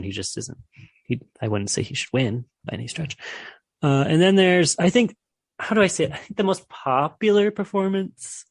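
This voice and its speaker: A man's voice: medium pitch, darkish tone, no room sound. A man co-hosting a podcast, chatting casually about film awards, laughing often and using lots of fillers. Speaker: podcast co-host.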